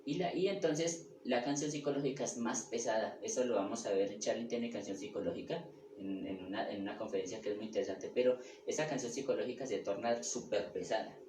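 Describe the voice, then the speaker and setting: A man's voice: on the low side, a little fast, a little mellow. Man, spiritual lecture, repeats phrases, checks in with listeners, roomy echo, noisy background. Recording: echoey room with background noise.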